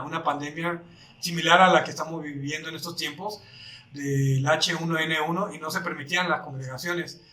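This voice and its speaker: A man's voice: a little high, sharp tone, echoey room, distant mic. A man from Mexico with a Mexican Spanish accent, telling his personal testimony in an earnest storytelling way, acting out what people said to him. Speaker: church member giving testimony.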